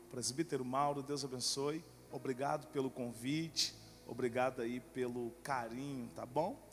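A Brazilian man preaching a sermon to a congregation, with a tongue-tied lisp and slushy s sounds, in an emphatic, deliberate manner that repeats phrases. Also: medium pitch, fairly bright tone. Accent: Brazilian Portuguese. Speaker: guest preacher. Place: large echoey church. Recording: long hall reverb, music behind.

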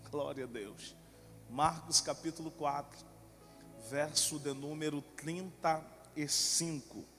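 A man with a Brazilian accent delivers a sermon at an unhurried pace in a fairly high voice. His tongue-tied lisp makes the s sounds slushy, and he repeats phrases with deliberate emphasis. The long reverb of a hall surrounds him. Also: a bit bright. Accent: Brazilian Portuguese. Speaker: guest preacher. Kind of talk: sermon, addressing a congregation. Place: large echoey church.

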